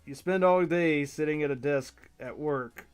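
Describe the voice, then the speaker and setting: A man hosting a relaxed build stream, chatting easily and laughing along. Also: fairly high pitch, measured pace, clean tone, soft background music. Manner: relaxed, laughs easily, enthusiastic about kits. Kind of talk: casual chat.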